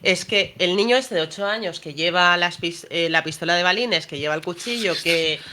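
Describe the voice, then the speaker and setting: A woman explains her point on a radio discussion panel. Her tone is bright and forward. She talks in a brisk, matter-of-fact way. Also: fairly low pitch.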